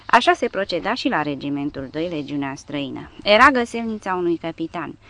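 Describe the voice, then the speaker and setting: A woman narrating an audiobook in an expressive, dramatic reading style. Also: low-pitched.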